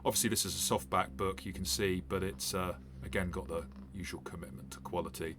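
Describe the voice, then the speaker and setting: With noise in the background, this game master and reviewer rambles through a casual unboxing of a game set, restarting often and filling gaps. He talks a little fast in a deep, steady voice.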